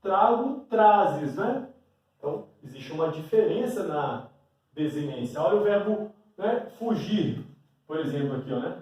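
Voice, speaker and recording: A man's voice: fairly high pitch, expressive, unhurried, darkish tone. A male teacher giving a grammar lesson at a board with a Brazilian Portuguese accent, often checking in with a questioning "né?". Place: classroom with a board. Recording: very echoey room, mic far away.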